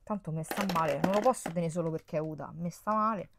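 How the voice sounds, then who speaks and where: A woman's voice: low voice, fast, gravelly, darkish tone, a little hiss or hum. A young woman, chatting casually and exclaiming often as she sorts through makeup at home. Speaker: beauty vlogger. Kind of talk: casual chat while decluttering makeup. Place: indoors at home, on a bed. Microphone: camera mic, face off-screen.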